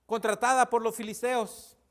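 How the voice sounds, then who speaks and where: A man preaching a sermon as pastor, emphatic, repeatedly calling out to the congregation, with sudden drops to a hushed voice. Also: extremely high pitch, level tone, moderate pace.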